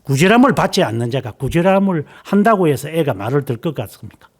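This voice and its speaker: High, lively-voiced pastor preaching emphatically. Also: male voice, fast. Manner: emphatic, fires rhetorical questions at the congregation; swings from raised voice to hushed near-whispers. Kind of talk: sermon.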